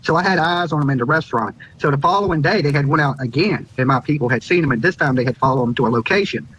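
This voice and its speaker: A man from Virginia in the United States, a YouTuber, talks fast as a news guest, his voice on the high side, a bit bright and husky. He keeps repeating phrases in this informal live interview account, carried over a dull, lo-fi remote connection.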